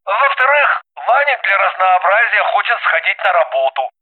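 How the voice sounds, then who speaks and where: A woman's voice: medium pitch, sing-song, normal speed, voice pushed up. A woman reader voicing a boastful, glib male card player speaking over a phone line. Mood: breezy. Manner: boastful, slangy, breezy. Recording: tinny phone-filtered voice.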